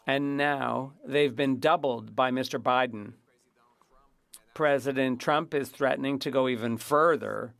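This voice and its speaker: A man interpreting formal parliamentary debate live, in somewhat halting phrases. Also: medium pitch, a bit bright, no room sound.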